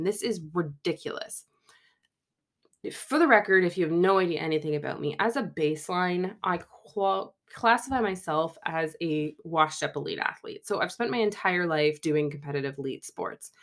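Chatty, self-mocking woman with a lowish voice. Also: a bit bright. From Canada. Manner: chatty, self-mocking, laughs mid-sentence. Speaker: podcast host. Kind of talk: casual storytelling monologue.

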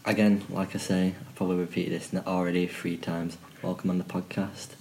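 A man hosting a casual podcast, jokey and quick to laugh. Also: low-pitched, flat delivery, darkish tone. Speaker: podcast host. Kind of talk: casual chat.

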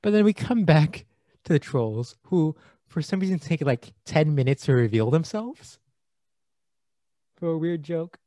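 A man's voice: fairly high pitch, expressive, measured pace, pauses often, warm tone, dry recording, studio quality. A man co-hosting a podcast, chatting casually about a movie, laughing often and trailing off mid-thought. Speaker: podcast co-host.

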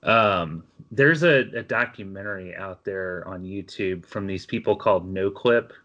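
Male podcast co-host, low voice, chatty and easygoing. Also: unhurried, pushed and bright, lo-fi sound. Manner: chatty storyteller, laughs often. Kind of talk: casual chat.

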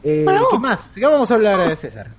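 Un hombre con acento peruano que conduce un podcast en charla informal, bromista y con jerga grosera. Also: male voice, high-pitched, huge pitch swings, a little fast. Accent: Peruvian Spanish. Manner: jokey, crude slang. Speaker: podcast host. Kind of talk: casual group podcast chat.

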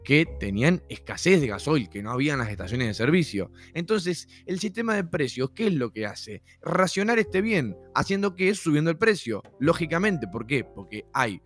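A man's voice: a little high, very animated, moderate pace, hardly any pauses, faint music behind. A man with an Argentine accent, explaining economics in a casual spoken monologue and often checking whether he is understood. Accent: Argentine Spanish. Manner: conversational, full of fillers and rhetorical checks.

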